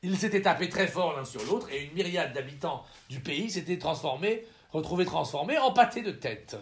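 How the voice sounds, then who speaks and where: A man narrating a novel as an audiobook reader, telling the story in an expressive, ironic manner. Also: a little high, moderate pace.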